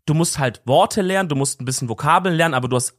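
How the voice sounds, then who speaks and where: A man's voice: a little high, fast talker, no room sound, clean studio sound. A young man co-hosting a podcast, chatting casually in slangy, rambling explanations. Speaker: podcast co-host. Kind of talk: casual chat.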